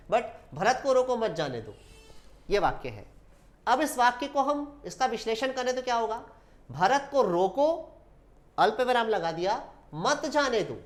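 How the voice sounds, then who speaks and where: A male teacher giving an exam-prep grammar lecture, explaining step by step and often asking rhetorical questions before he answers them. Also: sits high. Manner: asks rhetorical questions and checks in with "okay".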